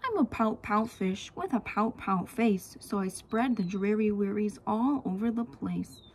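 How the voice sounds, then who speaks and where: A woman's voice: mid-range voice, expressive, unhurried, slight background noise. Woman voicing a glum, mopey storybook fish. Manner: mopey, resigned, singsong rhyming. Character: glum, gloomy male pout-faced fish.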